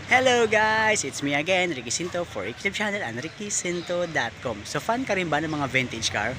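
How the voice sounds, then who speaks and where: A man's voice: fairly high pitch, expressive, a little fast, background noise. A man with a Filipino accent hosting a casual vlog, friendly and chatty, with a polite manner. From Philippines. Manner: friendly, chatty, mixes English and Tagalog, polite po. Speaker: vlogger. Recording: music playing under the voice.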